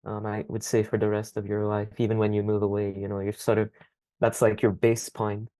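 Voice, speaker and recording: A young man speaks in a low, fairly monotone voice, answering a podcast host's questions at an unhurried pace. He hesitates often with "um" as he thinks aloud. The sound is dry and close, with no room echo. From Scotland. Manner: thoughtful, hesitant, frequent ums. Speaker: podcast guest. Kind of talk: casual interview answers.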